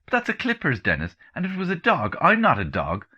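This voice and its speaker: A man voicing a sharp-tongued, middle-aged Irish countrywoman with an Irish accent who scolds her husband in quick, exasperated retorts. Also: on the high side, huge pitch swings, husky, lo-fi sound, voice pushed up, heavily acted. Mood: scolding.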